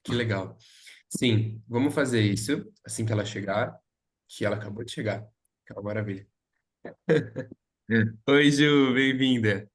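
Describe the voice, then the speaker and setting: A man hosts a relaxed conversation, speaking gently and affirming each guest. His voice sits at an ordinary middle pitch, and he laughs easily as he talks. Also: unhurried, pauses often. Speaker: podcast host. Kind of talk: warm conversational hosting.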